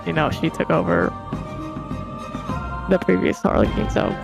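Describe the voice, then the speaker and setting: A woman's voice: fairly low pitch, level tone, moderate pace, creaky, over music. A woman opera singer chatting casually as a guest, thoughtful and hesitant, with many fillers. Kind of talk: casual reaction chat.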